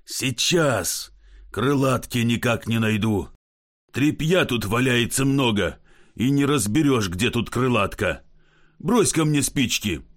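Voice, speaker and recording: A man voicing a drunk middle-aged gentleman who coaxes and curses, fussy and blustering. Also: medium pitch, lively intonation, takes it slowly. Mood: flustered. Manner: coaxing, then cursing in frustration.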